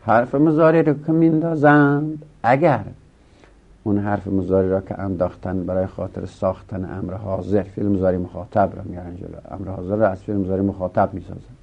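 A man's voice: deep voice, fairly even intonation, gravelly. A man teaching Arabic grammar in a lecture, explaining each rule step by step and answering his own questions. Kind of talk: classroom lecture. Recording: dull lo-fi recording.

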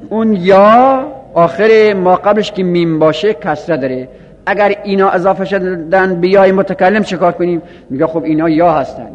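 A man teaches a grammar lesson with a high voice, working through each point step by step and answering his own questions. He recites short example phrases as he goes. The sound is dull and rings with a long reverb. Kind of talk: explanatory grammar lesson in Persian.

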